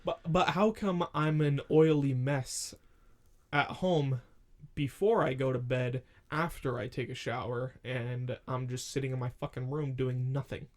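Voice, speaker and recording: Here a twentysomething man co-hosts a podcast from his room, speaking into a pop-filtered studio mic with a mid-range, darkish voice that stays fairly even and a little slow. The casual chat is rambling and profane, heavy on the filler "like."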